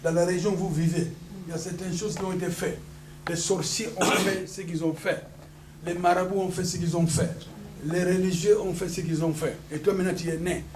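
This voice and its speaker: Un pasteur originaire du Congo, avec un congolais, prêche avec emphase dans une salle d'église et lance des alléluias à l'assemblée. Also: male voice, high-pitched, little pitch movement, brisk. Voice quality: emphatic, repeats hallelujah to the congregation. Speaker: pastor. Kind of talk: sermon with call-and-response. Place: church hall. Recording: noisy church hall recording.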